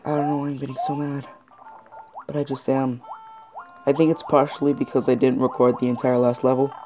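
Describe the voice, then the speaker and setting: Very deep-voiced woman narrating gameplay. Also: level tone, a little fast, mellow. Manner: easily exasperated, groaning and pleading at the game. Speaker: gaming YouTuber. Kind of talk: let's-play commentary. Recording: dull lo-fi recording with game music. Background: video game music.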